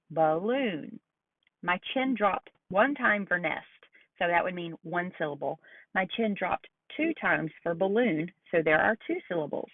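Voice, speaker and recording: A woman giving a recorded lecture on early reading skills, slowing down to model sounds and words carefully. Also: fairly low pitch, dry recording. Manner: slow, deliberate modeling of sounds. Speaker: teacher educator. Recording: dry, phone-like lo-fi audio.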